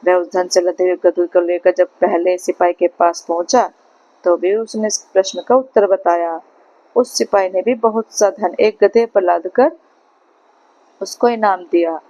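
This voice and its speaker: Woman reading a folk tale, mellow tone. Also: fairly low pitch, measured pace, no room sound, highs cut off. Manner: steady, plain storytelling. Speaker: storyteller. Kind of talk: read-aloud folk tale narration.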